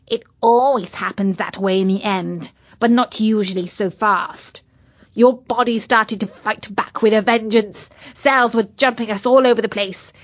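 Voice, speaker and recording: A woman's voice: fairly high pitch, a bit bright, dry recording. A woman voicing a mean, boastful little male virus who talks like a pirate.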